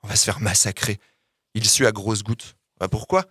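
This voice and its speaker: A man's voice: on the low side, normal speed, breathy edge, dry recording. Man reading a gritty excerpt, dry. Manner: lively dramatic reading with coarse slang. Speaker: podcast co-host giving a book tip. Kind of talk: reading a novel excerpt aloud, then casual chat.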